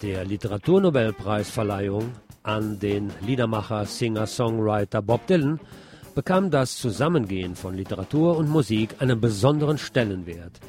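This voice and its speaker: A man with a lowish, darkish voice hosts a radio magazine, reading scripted news reports as presenter. He is a radio host and presenter who is also an author.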